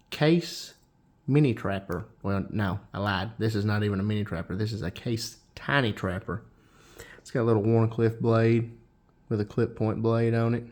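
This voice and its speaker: A man hosting a casual show-and-tell vlog, folksy and unhurried, with frequent restarts. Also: on the low side, darkish tone. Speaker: knife channel host.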